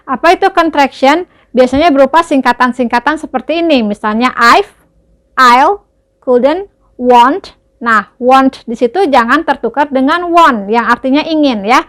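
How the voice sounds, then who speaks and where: A young woman teacher patiently explains an English lesson in a high, slightly bright voice. She often checks that listeners are following, using tag questions to confirm understanding.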